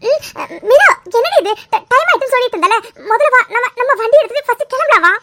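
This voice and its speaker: A woman voicing a young woman's worried, caring best friend in a cartoon serial, fretting and scolding gently. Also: very high voice, expressive, fast talker, no echo. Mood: pleading. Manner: fretful, pleading, motherly scolding.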